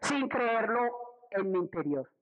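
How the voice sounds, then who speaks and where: A woman's voice: medium pitch, expressive, measured pace, dull audio. A woman with a Colombian accent giving a testimonial talk at a church retreat, telling her story and acting out her own thoughts and what others said.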